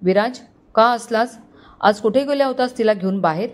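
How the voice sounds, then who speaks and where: A woman's voice: on the high side, normal speed, natural voice. A woman voicing an arrogant, possessive young man who mixes English into his speech and taunts his rival. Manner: taunting, sharp.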